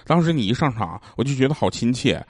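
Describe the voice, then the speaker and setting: Medium in pitch and fast-talking, this animated podcast host has a Northeastern Chinese accent. He spins casual, funny stories for his listeners, jokey and frequently laughing mid-sentence. The recording is studio quality with no echo.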